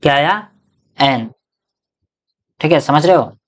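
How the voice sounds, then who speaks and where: A man's voice: fairly high pitch, lively intonation, slow. Teacher, man, explaining step by step in question-and-answer style, always checking the class follows. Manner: asks the class questions and answers them himself. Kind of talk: explanatory grammar lesson.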